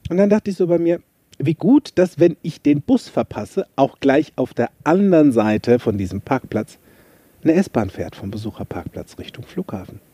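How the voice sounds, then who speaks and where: A man's voice: medium pitch, expressive, normal speed, mellow, husky, no room sound. A man hosting a podcast, chatty and self-mocking as he tells a story and gives motivational tips. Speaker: podcast host, coach. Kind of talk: casual motivational podcast monologue.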